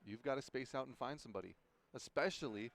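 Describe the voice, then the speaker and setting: A man's voice: mid-range voice, brisk. A man giving color commentary at a basketball game, explaining the defense and what players should have done. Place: gym broadcast booth.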